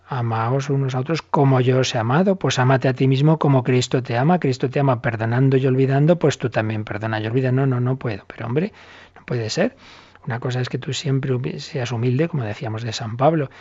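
Husky priest explaining the catechism. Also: male voice, mid-range voice, a little fast. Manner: animated storytelling, acts out little dialogues. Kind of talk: catechism lesson commentary. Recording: dull lo-fi recording.

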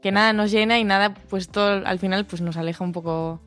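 A woman's voice: medium pitch, fairly even intonation, brisk, a bit bright, soft background music. A woman co-hosting a casual radio chat. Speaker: radio co-host.

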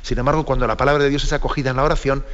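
A priest answers listeners' questions in a measured, steady voice, tagging his thoughts with little checking questions. His pitch sits mid-range for a man. The sound is slightly dull, as on a radio broadcast. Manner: measured, ends phrases with tag questions. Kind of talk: radio call-in spiritual advice.

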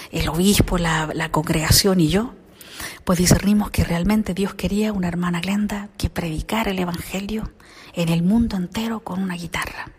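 A middle-aged woman and consecrated singer, telling her life story in an interview with lively storytelling and soft whispered asides. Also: lowish voice, big-room sound, slight background noise.

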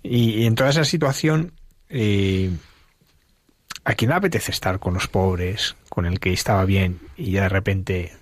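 A man's voice: sits low, unhurried, no room sound, clean studio sound. A male interviewer asking thoughtful, probing questions.

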